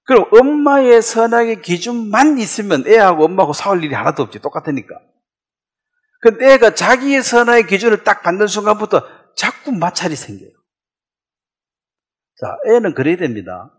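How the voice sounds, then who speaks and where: A man's voice: sits high, normal speed. A man preaching a sermon as pastor, acting out voices as he goes. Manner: animated, acts out voices.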